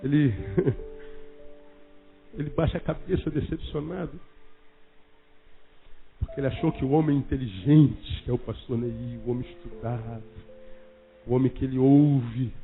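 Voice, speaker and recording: A pastor telling a story in a dramatic sermon, swinging from loud to hushed. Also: male voice, mid-range voice, creaky. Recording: phone-like sound with faint music.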